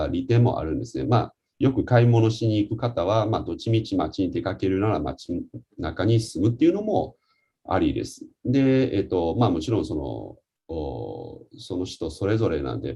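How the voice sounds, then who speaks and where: A man's voice: low-pitched, warm tone, slightly rough. A man on a webinar panel answering questions about student life, with many hesitant fillers.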